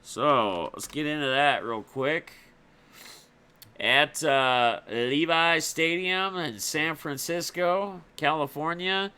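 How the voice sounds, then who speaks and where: A young man with a bright, clean voice talks football on his livestream in a loose, chatty way. He greets viewers in the chat by name and throws them questions. His voice sits a bit high for a man. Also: slow, clear, resonant tone. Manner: chatty, reads and answers chat, football slang. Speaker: livestream host. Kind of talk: casual sports talk livestream.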